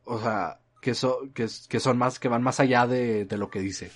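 A man with a Mexican accent in a relaxed, casual chat. He rambles and leans on filler words. His sentences often fade out softly at the end. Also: mid-range voice, moderate pace. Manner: rambling, frequent filler "este", trailing off softly.

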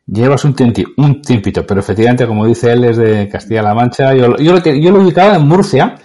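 A man hosting a business podcast, introducing the show and interviewing a guest in a chatty, lively way. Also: mid-range voice, quick pace. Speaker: podcast host.

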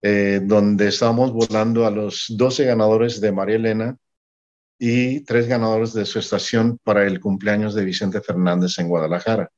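Recorded with lo-fi sound, this man from Mexico speaks at a moderate pace in a fairly low pitch. He's a music promoter in an interview, spinning lively anecdotes about his career and performing the dialogue himself.

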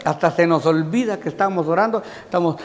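Male preacher, high and animated voice, sermon with folksy humor, long hall reverb, faint congregation behind. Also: normal speed, a crowd in the background. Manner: swings between loud shouting and quiet, dramatic delivery; addresses listeners as "hermano", with folksy humor. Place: church hall.

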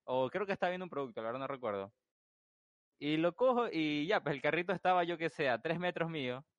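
A young man tells a story to his friends with an animated, slightly high voice. He swears freely. He is recorded close and dry, with no room around him. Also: fast, no echo, dull audio. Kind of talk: casual anecdote telling among friends.

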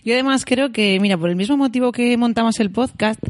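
Woman co-host, fairly high voice, reflective and open, dry close sound. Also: fairly quick, dry recording. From Spain. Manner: reflective, open, thinks aloud with fillers. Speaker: podcast co-host. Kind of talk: casual chat.

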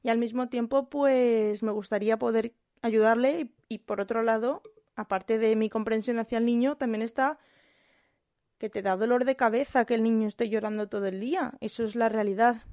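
A young woman from Spain with a Spanish accent, a kindergarten teacher giving a calm, reflective monologue with frequent hesitant restarts. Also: on the high side, normal speed, dry recording, studio quality.

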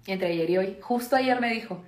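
A woman's voice: medium pitch, moderate pace, a little mellow. A woman with a Mexican accent chatting casually as co-host, rambling through stories with lots of fillers. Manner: rambling storyteller, heavy on fillers. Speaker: podcast co-host. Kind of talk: casual chat. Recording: roomy echo.

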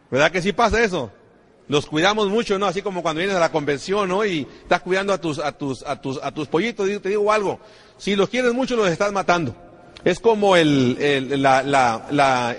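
A man gives a motivational business talk, repeating himself and asking the crowd rhetorical questions. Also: fairly high pitch. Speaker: network marketing trainer. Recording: long hall reverb.

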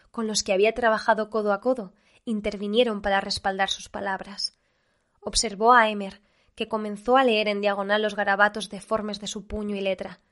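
A woman narrating a story at a measured, steady pace. Her reading is even and unhurried. She tells it in a plain storytelling voice. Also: mid-range voice.

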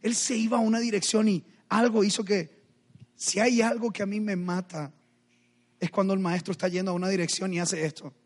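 A man delivers a sermon in a high, husky voice. He is middle-aged and preaches dramatically, acting out scenes and addressing his listeners directly. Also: fairly even intonation, a little fast.

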